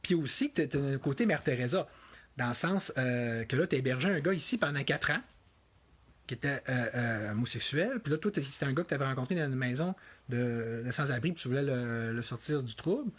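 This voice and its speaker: Husky Quebec man hosting an interview. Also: mid-range voice, lively intonation, brisk. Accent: Quebec French. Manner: rambling, many restarts and fillers. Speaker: interview host. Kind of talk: casual interview.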